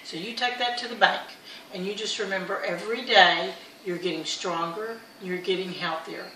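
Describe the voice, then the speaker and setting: A woman's voice: mid-range voice, fairly even intonation, normal speed, sharp tone, distant mic, a little hiss or hum. A middle-aged woman vlogging, telling stories and giving earnest motivational talk in a chatty way. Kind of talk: casual motivational vlog. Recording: echoey room, a bit off-mic.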